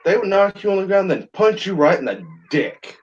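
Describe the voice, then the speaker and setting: A man's voice: sits high, very animated, moderate pace. A man hosting a livestream, chatting in a rambling, blunt and crude joking way. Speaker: livestream host. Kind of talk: rambling casual chat. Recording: dull lo-fi sound.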